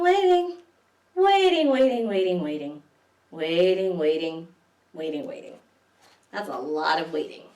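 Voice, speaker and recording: As a library story time host, a woman reads picture books aloud to young children with expression, putting questions to her listeners. Her voice is high-pitched yet darkish in tone, recorded from a distance in an echoey room.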